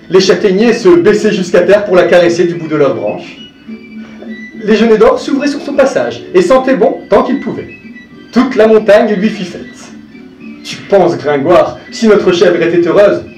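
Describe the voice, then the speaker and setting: A man giving a live dramatic reading of a classic tale, expressive and speaking straight to his listener, dropping to hushed asides. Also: normal speed. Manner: expressive, addresses the listener directly, sinks to hushed low asides. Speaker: storyteller. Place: live performance room. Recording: roomy distant live recording, faint music.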